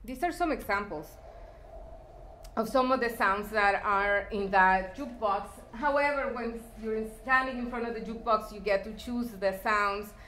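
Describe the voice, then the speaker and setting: A woman's voice: on the high side, moderate pace, sharp tone, slight background noise. A woman from El Salvador giving a public talk about her art installations, speaking reflectively with fillers and restarts. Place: lecture hall. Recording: echoey lecture hall.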